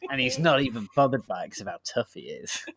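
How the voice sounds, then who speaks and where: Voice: mid-range voice, lively intonation, quick pace, fairly bright tone, no room sound. A co-host in casual chat, talking enthusiastically with frequent laughs and restarts. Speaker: podcast co-host.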